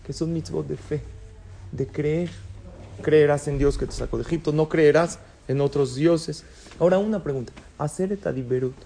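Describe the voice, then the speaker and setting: A man's voice: fairly high pitch, dark tone, slight background noise. Man teaching a Torah class, asking and answering. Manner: questions the audience and answers himself, light jokes. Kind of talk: Torah lesson in Spanish with Hebrew terms.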